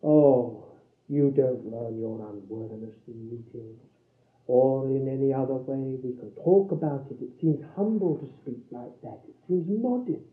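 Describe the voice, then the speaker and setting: A man preaching a sermon, swinging between loud declarations and hushed low phrases and repeating lines for emphasis. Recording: tinny, echoey old hall recording.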